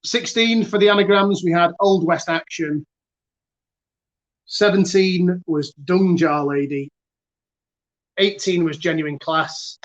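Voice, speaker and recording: Northern english guy hosting a quiz over a call, bit high voice, dull muffled audio, chatty with loads of ums. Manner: chatty, self-mocking, halting with fillers. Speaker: quiz host.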